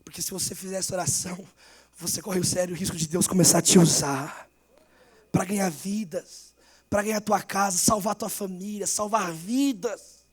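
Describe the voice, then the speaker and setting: A young male Brazilian pastor preaching a fervent sermon, swinging between shouted exhortation and hushed storytelling. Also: sits high, steady tone, normal speed, husky. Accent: Brazilian Portuguese.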